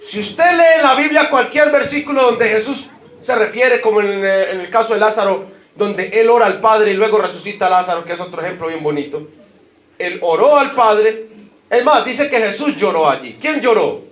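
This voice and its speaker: In an echoey hall, a male pastor with a Colombian Spanish accent delivers a sermon at normal speed, his high-pitched voice fairly bright. He builds emphasis as he preaches, driving home his points and questioning the congregation.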